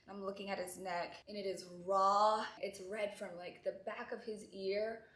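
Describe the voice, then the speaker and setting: A young woman vlogger telling an emotional story, tearful and animated as she talks. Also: medium pitch, moderate pace, echoey room.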